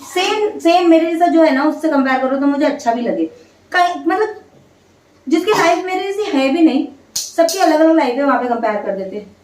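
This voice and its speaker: A young mother of two, vlogging for her family channel, cooks at home and chats casually with viewers, explaining and venting as she goes. Her high-pitched voice has a darkish tone and lively intonation at a normal speed, with a distant mic, room echo, and light background noise.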